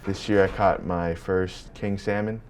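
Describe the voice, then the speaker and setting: A man's voice: low-pitched, unhurried, slight background noise. A young man from Hong Kong, a college student, talking casually with lots of fillers for a documentary about his fishing. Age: young adult. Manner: relaxed, filler-heavy casual talk. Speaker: college student fly fisher. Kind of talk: documentary interview and on-location talk. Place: outdoors by a river. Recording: background guitar music. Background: guitar music.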